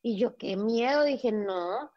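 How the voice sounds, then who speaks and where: A woman, a sports journalist, telling her story in a lively way over a remote call and acting out the people she quotes. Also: on the high side, takes it slowly. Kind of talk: animated storytelling in a casual interview. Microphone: remote video call. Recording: dull lo-fi call audio.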